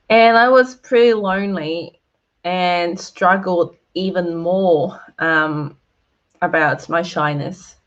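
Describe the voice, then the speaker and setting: A woman's voice: lowish voice, a bit bright, dull audio. A woman in her thirties from Hong Kong, giving a cheerful online talk with slides, laughing often and speaking to viewers in the chat. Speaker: guest speaker. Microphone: video call.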